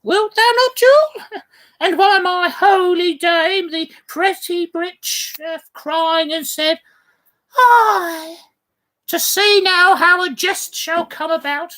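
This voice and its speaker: A woman's voice: very high voice, takes it slowly, a bit bright, full character voice. A woman doing a giggling rambling old nurse. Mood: rambling fond. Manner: rambling, giggling, wandering memories. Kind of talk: theatrical play reading.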